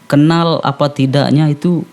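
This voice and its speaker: A man, a rapper guest in a casual podcast chat, talking haltingly and restarting as he searches for words. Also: a little high, steady tone, darkish tone.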